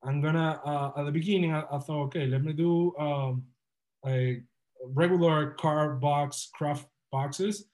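A man's voice: fairly high pitch, steady tone, measured pace, darkish tone. Upbeat young man. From Dominican Republic. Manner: earnest, upbeat, motivational storytelling. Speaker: guest entrepreneur. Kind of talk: casual podcast interview.

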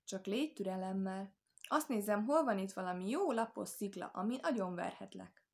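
A woman's voice: medium pitch, expressive, vocal fry, a little mellow. A woman voicing a big, angry, boastful male wolf who growls threats in a storybook tale. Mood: menacing.

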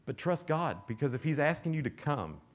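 A young man with a fairly high, brisk voice delivers a loose, jokey sermon to teenagers at a youth camp. He's animated throughout and keeps acting out the little voices of the people he quotes.

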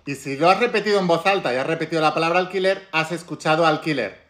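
A man's voice: on the high side, fast, a bit bright. A man with a Spain Spanish accent, a self-help teacher speaking directly to viewers in an emphatic way and repeating key phrases.

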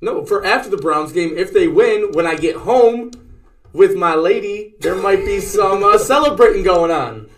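Laid-back, giggly podcast co-host. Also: male voice, high-pitched, normal speed, a bit bright. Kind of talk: casual sports chat.

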